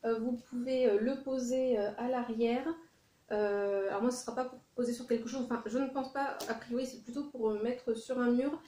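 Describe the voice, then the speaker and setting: A woman's voice: a little high, fairly even intonation, moderate pace, warm tone. A woman chatting casually through a shopping haul, with many fillers and self-corrections. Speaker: vlogger. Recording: echoey room.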